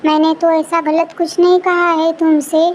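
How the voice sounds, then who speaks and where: A woman voicing a gentle, patient older mother-in-law in an animated story, speaking softly and soothingly. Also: very high voice, normal speed, slight background noise. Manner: soft and soothing.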